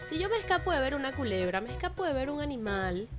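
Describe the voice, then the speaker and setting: Venezuelan woman guest talking hikes, kinda high voice, music in the background. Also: very animated, fast talker. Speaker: radio guest, hiking guide. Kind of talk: casual interview.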